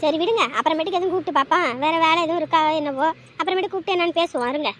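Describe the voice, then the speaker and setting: A woman playing a brisk, bossy village mother who scolds and welcomes guests in a family drama. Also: very high voice. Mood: soothing.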